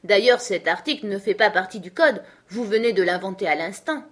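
A woman's voice: mid-range voice, animated, a little fast, close to an everyday voice. A plucky young girl standing her ground, earnest and a little cheeky, as a woman reads her. Her voice lifts well above the narrator's plain tone. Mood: defiant. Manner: earnest, defiant. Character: bold young girl in a courtroom.

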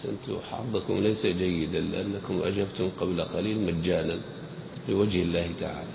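A man's voice: low voice, fairly even intonation, brisk, creaky, dull audio. A man teaching a grammar lesson, quizzing his audience in a playful, teasing way. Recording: echoey hall with faint noise.

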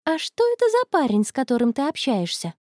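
A woman's voice: sits high, huge pitch swings, brisk, a little mellow, no echo, clean studio sound, pitched above the performer's own voice, heavily acted. A woman voicing a curious, impatient young schoolgirl with an eager, pressing manner.

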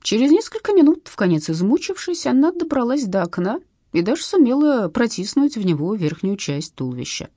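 A woman narrating a humorous story with an expressive, lively delivery. Her voice is husky, and the recording is close and dry with no room sound. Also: a little high, a little fast, dry recording. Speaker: audiobook narrator. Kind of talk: scripted narration.

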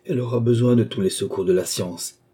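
Storybook doctor, read by a man: grave, commanding, dark husky tone. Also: medium pitch, brisk, lightly acted. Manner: solemn, commanding exhortation. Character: stern older male doctor, grave moralist. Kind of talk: audiobook character voice.

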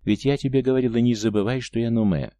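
A man's voice: mid-range voice, fast talker, mellow, close to an everyday voice. A man voicing a tender, proud, free-spirited Martian woman in an audiobook, speaking earnestly. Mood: pleading.

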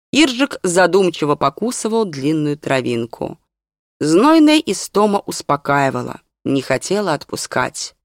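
An audiobook narrator reading a story in calm, even storytelling. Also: medium pitch, vocal fry, dry recording, clean studio sound. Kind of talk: scripted narration.

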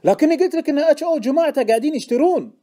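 A man with a Gulf Arabic accent voicing an excitable, insistent male stock tipster in an audiobook. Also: on the high side, moderate pace, voice pushed up. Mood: indignant. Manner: insistent, indignant, loud. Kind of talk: audiobook character voice.

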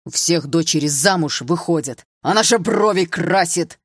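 A woman's voice: deep voice, brisk, creaky, a little mellow, dry recording, studio quality. A woman reading an audiobook, voicing a stern, traditional middle-aged father who lectures his daughter. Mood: angry.

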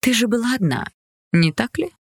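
A woman voicing a jealous, cruel queen who shouts and mocks in an audiobook. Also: animated, brisk, no room sound, clean studio sound, natural voice. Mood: furious. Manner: shrill shouting and biting sarcasm.

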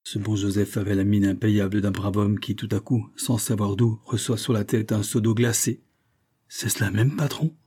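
A man reading a classic novel aloud as narrator, at a measured pace. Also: fairly low pitch, flat delivery, warm tone, breathy edge. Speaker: audiobook reader.

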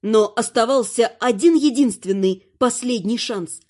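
A woman narrating a fantasy audiobook in an even, expressive storytelling manner. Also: on the high side, unhurried.

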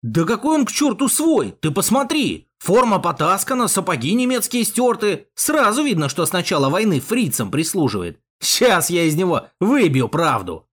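A man voicing a hot-headed young Komsomol leader who talks in a loud, belligerent, shouting way. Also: sits high, wildly swooping pitch, moderate pace, hardly any pauses, pitched above the performer's own voice, full character voice. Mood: aggressive. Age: young adult.

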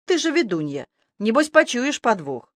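A sarcastic, scruffy male talking rat, mocking and needling at every turn, voiced by an audiobook narrator. Close, dry audiobook sound with a middling pitch. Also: big pitch swings, moderate pace, dry recording. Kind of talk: audiobook character voice.

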